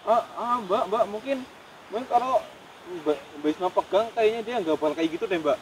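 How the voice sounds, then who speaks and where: A man's voice: high-pitched, animated, normal speed, slight background noise, low-quality recording. A man co-hosting a ghost-hunting vlog, talking in an uneasy way and repeating prayers. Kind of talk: live paranormal investigation vlog.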